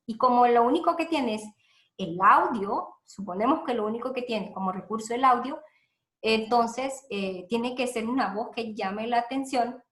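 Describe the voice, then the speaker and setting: A Honduran woman teaches a seminar, walking listeners through each step and circling back to repeat her points, with frequent "eh" pauses. Her voice sits a little high. The room around her is echoey. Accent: Honduran Spanish. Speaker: teacher giving a seminar talk. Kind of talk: instructional talk on recording radio audio.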